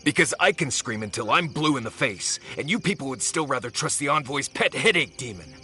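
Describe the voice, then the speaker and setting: An actor playing a bitter, sarcastic adventurer companion in a fantasy video game, lashing out in scornful tirades. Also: male voice, medium pitch, sing-song, a little fast, bright, forceful tone, soft background music. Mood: angry. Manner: scornful, heated outbursts.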